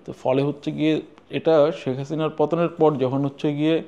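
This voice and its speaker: A man's voice: fairly high pitch, level tone, a little fast, dark tone. A man giving news analysis on diplomatic relations, talking in long runs and leaning on one repeated filler phrase. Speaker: correspondent.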